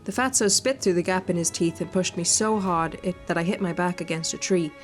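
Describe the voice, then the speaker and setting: Game music plays under a woman who is streaming a video game. Her voice sits on the low side and goes a little fast as she dramatically reads the visual novel's story and adds cheeky, coarse jokes.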